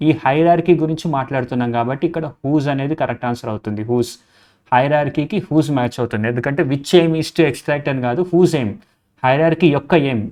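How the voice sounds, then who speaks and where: A man teaching an exam grammar lesson in Telugu who reads the English questions slowly and thinks aloud between them. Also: medium pitch, a little mellow. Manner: thinks aloud with many okays and restarts.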